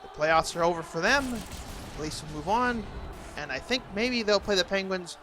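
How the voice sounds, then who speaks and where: A man doing an announcer-style play-by-play commentary of a hockey video game, excitable on big plays. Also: sits high, moderate pace, background noise.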